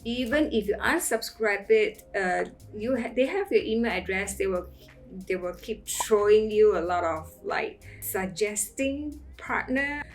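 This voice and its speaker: Slow, gravelly woman in her forties. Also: mid-range voice, lively intonation, faint music behind. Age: 40s. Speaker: interviewee. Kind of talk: casual interview storytelling.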